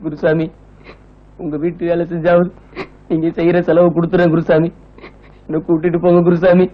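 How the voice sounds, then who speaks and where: A man's voice: fairly high pitch, completely flat delivery, moderate pace, close to an everyday voice. An actor playing a poor, humble male pilgrim on his first trip, pleading and tearful. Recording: dull old film soundtrack. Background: film music.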